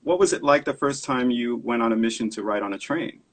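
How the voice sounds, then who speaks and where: A man's voice: medium pitch, fairly quick. A man hosting an interview over a video call, asking long, enthusiastic questions. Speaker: interviewer host. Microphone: laptop webcam on a video call.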